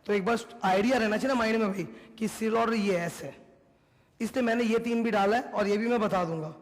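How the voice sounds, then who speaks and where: A man's voice: sits high, quick pace. An Indian man teaching a class, emphatic and repetitive, mixing Hindi and English as he lectures. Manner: mixes Hindi with English, emphatic, repeats points. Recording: long hall reverb.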